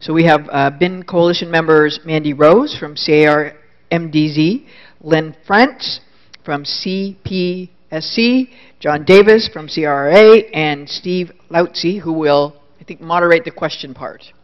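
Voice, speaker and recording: A man acting as emcee and introducing speakers at a conference, informal and halting. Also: fairly high pitch. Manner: informal, halting, restarts phrases. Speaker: event emcee. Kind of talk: event introductions. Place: conference room with audience. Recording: dull lo-fi event audio.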